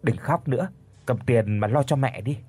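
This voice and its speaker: A man's voice: medium pitch, moderate pace, husky, lightly acted. A man voicing a stern but kind young mistress. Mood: gentle. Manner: scolding, then soft and reassuring.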